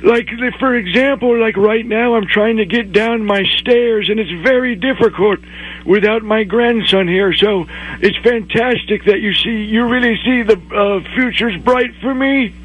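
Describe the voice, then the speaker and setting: A man's voice: sits high, unhurried. A man voicing a frail, fretful elderly man who rambles plaintively and hesitantly on a prank phone call. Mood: hopeful. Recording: muffled phone-call radio recording.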